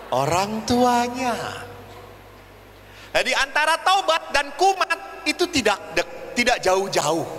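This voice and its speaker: Lively high-voiced priest in an echoing hall. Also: male voice. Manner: lively storytelling, acting out quoted voices. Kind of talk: humorous homily. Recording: reverberant hall with faint ambient noise.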